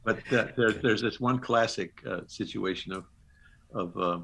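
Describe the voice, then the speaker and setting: An older man, a former television producer, telling animated stories from his career in an interview and acting out his own phone calls. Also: fairly low pitch, moderate pace, creaky, a crowd in the background. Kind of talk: anecdotal interview storytelling.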